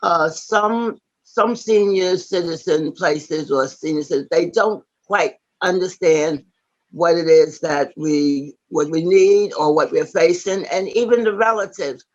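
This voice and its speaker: An elderly woman in her eighties speaks earnestly through a dull, lo-fi video call line. She gives an award acceptance speech in a halting way, often pausing on fillers and restarting her words. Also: lowish voice. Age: 80s. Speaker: award honoree.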